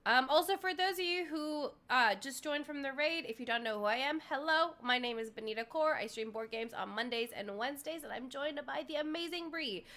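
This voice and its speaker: A woman with a high, bright voice hosts a casual board game live stream. She chats freely, laughs often and calls out viewers by name. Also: a little fast, hardly any pauses. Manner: chatty, laughs often, greets chat by name.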